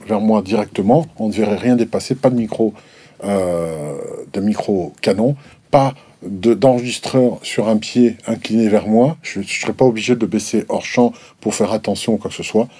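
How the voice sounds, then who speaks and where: Male gear reviewer, low dark voice, hesitant and chatty, dry room. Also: moderate pace, husky, no room sound. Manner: hesitant, many restarts and fillers. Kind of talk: casual explanatory review. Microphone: desk microphones at a distance, switched between.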